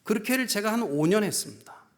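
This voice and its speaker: A man in his fifties, a pastor preaching a sermon, telling a story and acting out dialogue, dropping to hushed tones and rising to fervent emphasis. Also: sits high, expressive, quick pace.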